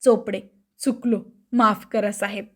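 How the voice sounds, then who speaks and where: A woman's voice: medium pitch, steady tone, unhurried, a little mellow, natural voice. A woman reading the part of a gossipy male schoolteacher neighbor who keeps butting in. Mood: meddling.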